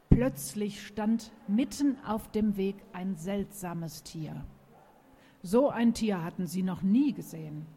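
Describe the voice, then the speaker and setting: A woman reading her children's book aloud at a book fair event, speaking gently and directly to the children. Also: mid-range voice, a little hiss or hum.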